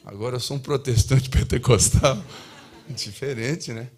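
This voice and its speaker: A man's voice: medium pitch, a little slow, darkish tone, slightly rough. A man preaching a sermon as pastor, emphatic and humorous. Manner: humorous, acts out dialogues. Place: church.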